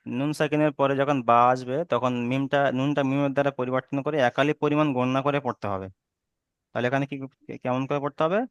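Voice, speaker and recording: A man's voice: medium pitch, clean tone, no room sound, highs cut off. A man teaching Quran recitation rules online, patiently repeating each rule and checking that students understand. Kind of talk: online tajweed lesson.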